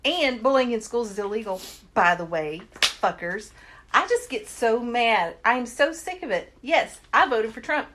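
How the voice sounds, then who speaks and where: A woman's voice: on the high side, lively intonation, normal speed, noisy background. A woman co-hosting a podcast, ranting in casual chat with lots of swearing and mocking impressions. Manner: profane, heated, mocking voices. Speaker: podcast co-host.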